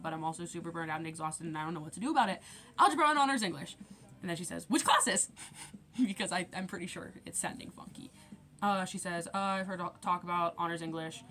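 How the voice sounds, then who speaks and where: A teenage girl rambling through a casual storytime rant, acting out conversations as she goes. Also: fairly low pitch. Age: teens. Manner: rambling, quotes conversations with shifting loudness. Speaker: vlogger.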